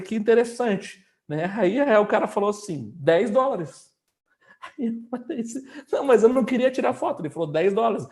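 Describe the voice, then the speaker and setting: Casual interview guest: high-pitched man, rambling anecdotes. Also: a little mellow. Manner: storytelling, many fillers. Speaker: guest entrepreneur.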